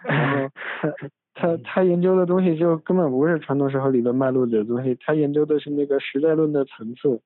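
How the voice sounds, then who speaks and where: A man's voice: a little high, fairly even intonation, fairly quick, dry recording. A male podcast host in casual academic chat, rambling with restarts and asides, recorded on a phone in a room at home. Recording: tinny, dry phone recording.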